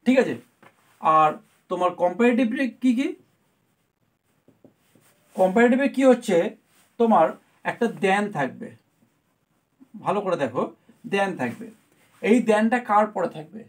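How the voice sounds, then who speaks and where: A woman's voice: mid-range voice, expressive, slow, pauses often. Patient woman teaching grammar to students. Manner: explains patiently, often checks with "right?". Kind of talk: classroom explanation to students.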